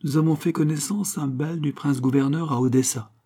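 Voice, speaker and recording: A man reading an audiobook, voicing a poised countess who confides a family story in a lively, slightly raised voice. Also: on the high side, fairly quick, slightly rough, pitched above the performer's own voice. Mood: confiding. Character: countess Baccarat, a poised woman telling a story.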